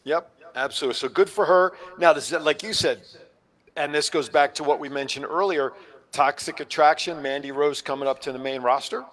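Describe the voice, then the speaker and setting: A man hosting a casual podcast, leading into each news item with an easy, affable manner. His voice sits a little high for a man. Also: a little fast, a bit bright. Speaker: podcast host reading news. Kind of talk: casual chat.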